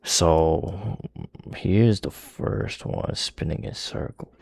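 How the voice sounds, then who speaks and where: A man's voice: low voice, very slow, creaky, a little mellow, no room sound, clean studio sound. A young man rambling casually as a music reaction host, talking with a slight lisp from his retainers and swearing often.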